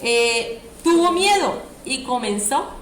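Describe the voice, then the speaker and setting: A woman's voice: sits high, very animated, slow pace, a bit bright. A woman preacher, delivering a sermon and often asking the audience questions. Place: church hall. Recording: echoey church room, faint noise.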